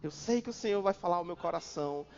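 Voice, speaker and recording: A man's voice: high-pitched, expressive, fast, gravelly. A Brazilian Portuguese-speaking male pastor preaching a sermon, repeating phrases and pushing hard on his points. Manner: preaching with repetition and sudden loud emphasis. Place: church hall. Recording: dull church recording with long reverb.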